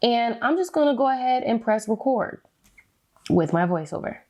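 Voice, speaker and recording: A beauty vlogger with an American accent walks viewers through a step-by-step tutorial, chatting casually and using slang. Her voice is a little high, expressive and slightly mellow, at normal speed.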